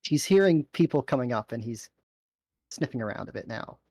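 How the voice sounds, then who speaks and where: A man's voice: mid-range voice, animated, brisk, a little mellow, no echo, studio quality. A man narrating as game master in a tabletop game, with frequent ums. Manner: voices the toll keeper, narrates with ums.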